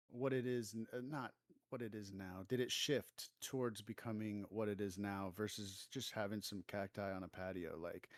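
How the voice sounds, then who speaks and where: Low-voiced host stumbling through questions. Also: male voice, dry recording, studio quality. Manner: halting, stumbles and restarts his questions. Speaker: podcast host. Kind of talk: casual interview questions.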